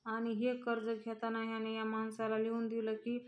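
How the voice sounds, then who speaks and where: A woman voicing a worried, tearful older mother-in-law in a flat, monotone reading. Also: a little high, moderate pace, natural voice. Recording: dull lo-fi recording.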